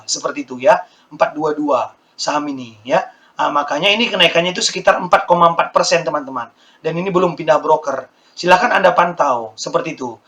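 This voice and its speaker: A hoarse man walking viewers through stock charts in a casual lesson, repeating his points and calling his audience friends. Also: high voice, pushed and bright. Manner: repetitive, keeps addressing viewers as friends. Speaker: stock market educator. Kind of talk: screen-share stock chart walkthrough.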